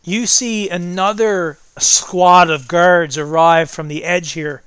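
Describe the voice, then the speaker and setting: A man's voice: sits high, fairly even intonation, slow, a bit bright, clean tone, no echo. A man working as game master, improvising narration for a tabletop game.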